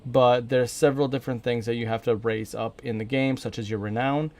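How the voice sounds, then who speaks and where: An American man of medium pitch gives casual live-stream game commentary. He rambles informally, thinking out loud as he plays. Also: fairly even intonation, brisk. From northern Minnesota, USA.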